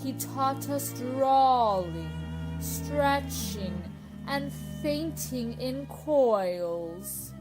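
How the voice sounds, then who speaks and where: Picture a woman acting a sad, easily offended turtle telling a tale in a radio play. The delivery drags very slowly and ponderously, a little high in pitch. Music runs underneath. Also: lively intonation, heavily acted, low-quality recording. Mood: wistful, ponderous. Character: melancholy, touchy, ponderous old Mock Turtle.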